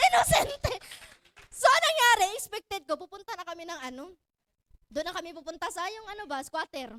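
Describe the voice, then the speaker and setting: A young woman from Cebu telling her own story to an audience in a lively, laughing way, often raising her voice to exclaim. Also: very high voice, a little fast, no room sound. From Cebu, Philippines. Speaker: speaker sharing her story.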